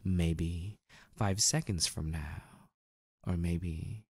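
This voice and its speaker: A man guiding a listener through a hypnosis induction, giving slow, soothing instructions with casual asides. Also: low-pitched, steady tone, darkish tone, slightly rough, dry recording, studio quality.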